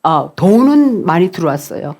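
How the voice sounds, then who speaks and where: A man's voice: high voice, sing-song, moderate pace, darkish tone. A man interpreting a sermon live, hesitant, with fillers and restarts as he catches up.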